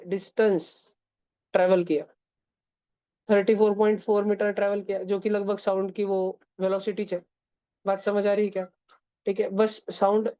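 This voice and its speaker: A woman's voice: medium pitch, dark tone, smooth, no room sound, lo-fi sound. A woman teaching physics in a casual classroom style that has in it. She keeps checking that her students are following. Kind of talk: classroom lecture.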